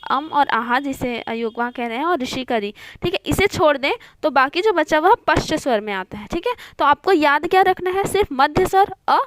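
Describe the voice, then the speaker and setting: A young woman with a high voice teaches an online Hindi grammar lesson, and the recording is close and dry. She explains patiently, often checking in with her listeners, and mixes English words into her Hindi. Her delivery is steady and repetitive, as in a classroom. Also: moderate pace, hardly any pauses, dry recording. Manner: patient, repeats points with frequent "theek hai" checks.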